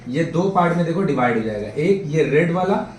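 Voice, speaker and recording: A man's voice: on the high side, lively intonation, a little fast, a little mellow. A man teaching a math lesson to a class, chatty and often checking that the students follow. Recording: echoey classroom, faint background noise.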